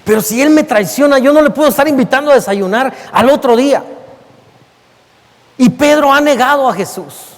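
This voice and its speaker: High-voiced Mexican pastor preaching in an echoing church. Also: male voice. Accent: Mexican Spanish. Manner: emphatic preaching, calls the listeners beloved, slows down for weight. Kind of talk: sermon. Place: church sanctuary. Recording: long church-hall reverb.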